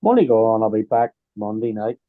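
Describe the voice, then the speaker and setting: A man's voice: lowish voice, sing-song, brisk, no room sound. A man drops into a video call from his phone, chatting in an easygoing, joking way. His voice comes through muffled and glitchy, squeezed into a thin, phone-like band. There is no room sound around him at all. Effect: muffled, glitching phone audio. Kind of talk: casual chat on a video call.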